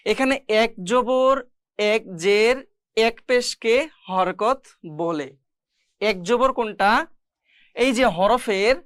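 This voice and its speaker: A woman teaching Quran reading in a slow lesson, patiently repeating each syllable in drills. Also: on the high side, no room sound, clean studio sound. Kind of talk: slow step-by-step recitation lesson.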